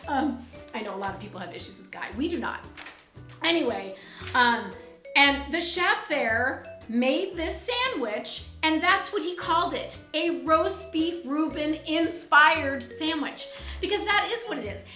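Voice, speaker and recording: A woman hosting a food blog chat show speaks in a high, bright voice. She talks casually with emphatic exasperation and quick laughter. The room is echoey. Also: expressive, faint music behind. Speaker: food blogger and show host. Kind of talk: casual chat reading comments.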